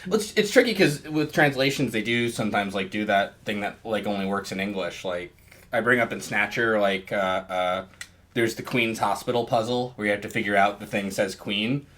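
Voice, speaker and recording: Hosting a casual podcast interview, a man with a rather low voice and a fairly bright tone talks a little fast. He rambles loosely and works through his thoughts with plenty of "like" and "you know."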